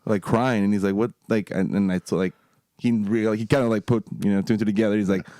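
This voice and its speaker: A man's voice: fairly low pitch, steady tone, fast, warm tone, no room sound, clean studio sound. Profane, laughing male podcast storyteller. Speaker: podcast co-host. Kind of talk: casual podcast chat.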